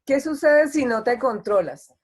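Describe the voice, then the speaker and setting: A woman's voice: sits high, expressive, measured pace, husky. Woman pastor, conversational sermon. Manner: conversational, acts out quoted complaints. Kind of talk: online sermon.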